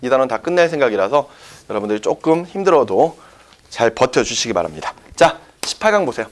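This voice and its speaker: A man's voice: mid-range voice, big pitch swings, quick pace. A man teaching a science class, explaining step by step and often checking whether the students follow. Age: young adult. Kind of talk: classroom lecture.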